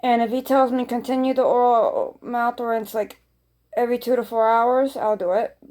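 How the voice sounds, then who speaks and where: High-pitched, mellow-voiced woman vlogger chatting. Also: fairly even intonation, moderate pace. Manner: rambling, repeats phrases for emphasis. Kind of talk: casual chat to viewers.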